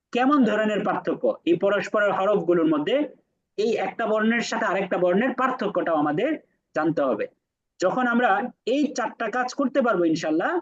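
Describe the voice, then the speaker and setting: A man with a high voice gives a Quran lesson, calmly explaining and repeating letter sounds so his students can compare them. The sound is muffled and lo-fi. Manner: asks students rhetorical questions. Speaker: Quran teacher. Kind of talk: classroom lesson.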